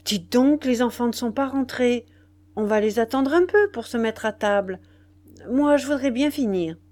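A woman reading the lines of a middle-aged male inventor, a little louder than her narration, in an audiobook. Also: on the high side, animated, a little slow. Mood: cheerful, worried.

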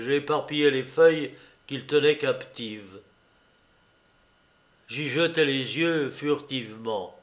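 A man narrating a story aloud in a slow, measured, storytelling manner. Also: medium pitch, a bit bright. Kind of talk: audiobook narration.

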